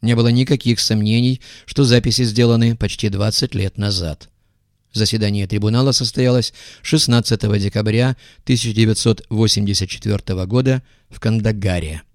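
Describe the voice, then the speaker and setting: A man narrating an audiobook in a measured, even manner. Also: fairly low pitch, dry recording, studio quality. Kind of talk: scripted narration.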